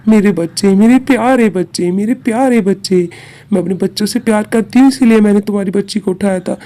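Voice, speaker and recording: A gushing witch mother who adores her children, voiced by a woman. Her voice sits at a middle pitch with a warm, mellow tone, and she keeps repeating her thanks over and over. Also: lightly acted. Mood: grateful. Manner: effusive, repeating herself. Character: grateful loving mother witch, female adult. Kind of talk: doll-play story voice acting.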